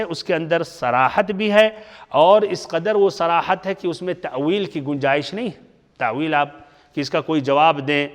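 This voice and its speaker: High-voiced man teaching a hadith lesson. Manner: explains step by step, asks the class questions and answers them. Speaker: Islamic teacher. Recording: long hall reverb.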